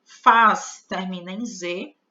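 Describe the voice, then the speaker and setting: Brazilian woman, online grammar teacher, bright tone, conversational asides, somewhat muffled recording. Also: mid-range voice, steady tone, slow. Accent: Brazilian Portuguese. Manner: explanatory, addresses viewers as "gente", frequent "né?" and "ó". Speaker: Portuguese teacher. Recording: slightly dull lo-fi audio.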